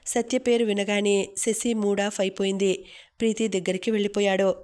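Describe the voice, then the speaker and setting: Woman reading a novel aloud, pretty monotone, steady storytelling. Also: mid-range voice, moderate pace. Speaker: audiobook narrator. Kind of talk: novel narration reading all parts.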